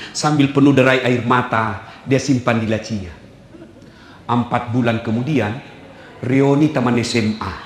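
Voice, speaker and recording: A man preaching a humorous sermon to a live audience, telling jokes and acting out quoted husbands and wives. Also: medium pitch. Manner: lively joking storyteller, acts out quoted husbands and wives. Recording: echoey hall recording with faint noise.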